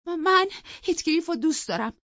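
A woman's voice: expressive, dry recording. Isabella, a woman voicing a tearful jealous young woman. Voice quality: high, tearful and strained. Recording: dull, dry lo-fi recording.

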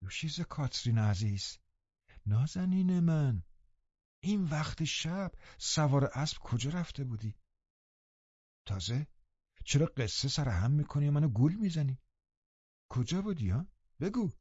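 A man voicing an older woman servant who scolds gently in a hushed, pleading way, in an audiobook reading. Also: on the high side, big pitch swings, pauses often, slightly rough, dry recording, lo-fi sound, voice pushed up. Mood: coaxing.

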